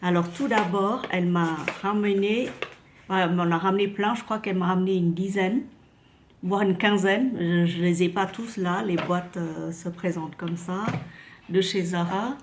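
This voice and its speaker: A woman's voice: on the low side, steady tone, normal speed, a little hiss or hum. Chatty woman, hesitant. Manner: hesitant, many fillers and restarts. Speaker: vlogger reviewing perfumes. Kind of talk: casual chat to camera.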